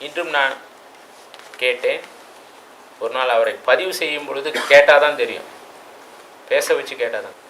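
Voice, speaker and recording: A man lectures in a reflective way, tossing out rhetorical questions and now and then landing hard on a word. His voice is bright and forward. A faint ambient hum sits behind him. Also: mid-range voice, normal speed, pauses often, low-quality recording. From Tamil Nadu. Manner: reflective, with rhetorical questions and sudden loud stresses. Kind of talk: classroom lecture.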